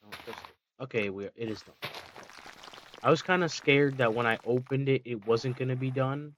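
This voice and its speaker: A man's voice: medium pitch, moderate pace, a bit bright, dull audio, a little hiss or hum. A man giving casual gameplay commentary, rambling, correcting himself mid-sentence and dropping sarcastic asides. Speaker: let's play gamer.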